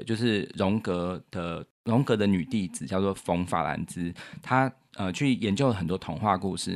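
A man's voice: sits low, gravelly. A man co-hosting a casual chat, patiently explaining his piano composition step by step and counting beats aloud.

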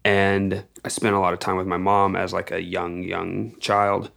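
A young American man from Texas, appearing as a musician guest in an interview, tells stories in a casual, informal way, rambling and leaning on key words. His deep, gravelly voice stays monotone at a measured pace, with a fairly bright tone.

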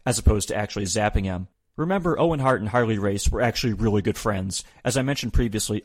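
A man's voice: on the low side, dry recording. A man hosting a podcast, reading a wry, opinionated recap with the odd swear. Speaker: podcast host. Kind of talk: scripted recap narration.

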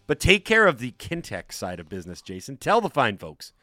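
A man hosting a sports radio show, jokey and animated, reading ads and bantering in a studio. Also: mid-range voice, a little fast, no room sound. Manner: animated, jokey, reads ads with a bouncy lilt. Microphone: studio microphone.

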